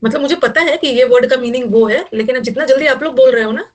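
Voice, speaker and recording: A woman's voice: high-pitched, quick pace, recorded from a distance. A middle-aged woman teaching an English vocabulary class, mixing Hindi and English and using jokey memory tricks for each word.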